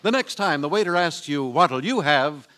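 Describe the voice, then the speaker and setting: On a vintage 1940s radio broadcast with music behind him, an American man announces and sells in a hearty, emphatic style. His voice is on the high side, animated and sharp, at a moderate pace.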